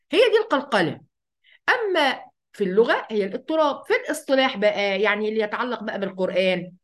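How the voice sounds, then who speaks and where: Teaching tajweed in a medium-pitched voice, this woman speaks with an Egyptian Arabic accent and a casual, conversational manner. She poses questions and answers them herself, reciting verses slowly as she explains Quran recitation rules.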